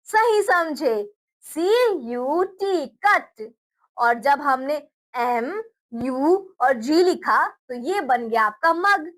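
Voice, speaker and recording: A woman teaching a phonics lesson to young children, slowly spelling out words letter by letter and often praising her pupils. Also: sits high. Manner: slow, spelling letters out one by one.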